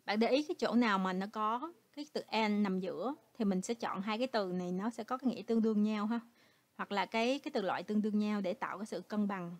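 A native Vietnamese-speaking teacher with a mid-range voice talks fast in a dry room, patiently walking through an English exam step by step. She tends to end her phrases with "ha."

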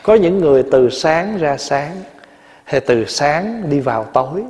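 A man in his forties with a Southern Vietnamese accent giving a dharma talk in a temple hall, telling stories in a lively way and often laughing. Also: on the high side, a little slow. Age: 40s. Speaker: Buddhist monk and abbot. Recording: long hall reverb.

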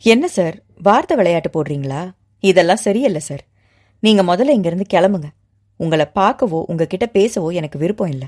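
Brief: proud young widowed mother, heated and insistent, read by the narrator herself, with an animated, swinging pitch. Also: moderate pace, natural voice. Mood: agitated.

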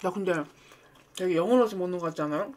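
A woman's voice: fairly low pitch, very fast, a little mellow, slight background noise. A young woman chatting casually with viewers as a streamer, talking between bites of food. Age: young adult. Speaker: mukbang streamer and host. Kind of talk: casual chat with viewers while eating. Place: small furnished room at home, indoors. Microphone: studio microphone on a boom arm.

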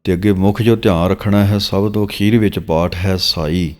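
Man, Punjabi accent, very deep low voice, slow drawn-out verse recitation, teaching pronunciation, long reverb tail. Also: steady tone, darkish tone. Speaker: Gurbani teacher. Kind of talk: scripture pronunciation lesson.

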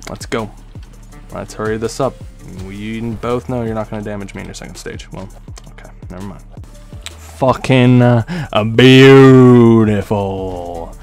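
A man's voice: fairly low pitch, steady tone, brisk, gravelly, faint music behind. A young man giving gameplay commentary as he plays, trash-talking the boss and swearing often. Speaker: gaming video creator.

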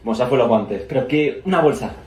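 Expressive and quick, with a mid-range, slightly mellow voice in an echoey room, a thirtysomething man with an Argentine accent vlogs casually for his followers. He stays dramatic and exclamatory, frequently repeating himself, mostly from his home kitchen. His handheld phone recording is noisy, the mic at varying short distances.

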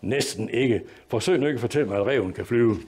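A sharp-tongued, scandalized mother scolds her family with thunderous indignation, as a male reader puts her on. The voice sits higher than his own, clipped and contemptuous, in a read-aloud story. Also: lively intonation, natural voice. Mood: scolding. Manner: scolding, outraged.

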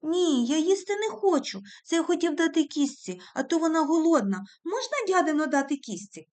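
A woman voicing a shy, proud young village boy in a storybook reading, earnest and high. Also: lively intonation, normal speed, darkish tone. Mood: pleading.

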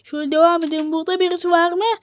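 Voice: extremely high pitch, flat delivery, very fast, slight background noise. A host talking casually to viewers while playing a hide-and-seek game, chatty and direct, often calling out to the audience. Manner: chatty, addresses viewers as "arkadaşlar". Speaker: Minecraft channel host.

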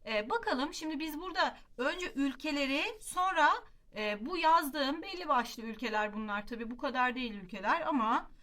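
A woman teaching a classroom lesson, explaining patiently and slowing down to model example phrases, often asking rhetorical questions. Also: high voice, lively intonation, pushed and bright. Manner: slow emphatic modeling of English example phrases. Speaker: English teacher.

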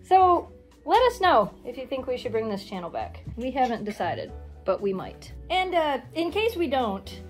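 A woman's voice: high voice, moderate pace, faint music behind. A woman in her forties chatting playfully to camera while filming in her home kitchen. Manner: chatty and playful, lively rising questions. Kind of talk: casual chat to camera.

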